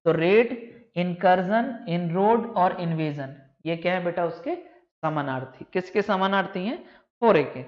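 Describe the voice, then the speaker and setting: A man's voice: high voice, animated, unhurried. A man teaching a vocabulary lecture to exam students, explaining patiently, repeating key words and calling his students "beta". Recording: echoey room, dull lo-fi sound.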